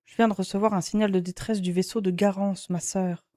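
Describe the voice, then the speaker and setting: A woman's voice: mid-range voice, fairly even intonation, brisk, dark tone, lightly acted. A woman reading a determined young heroine. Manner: plain reading of game text.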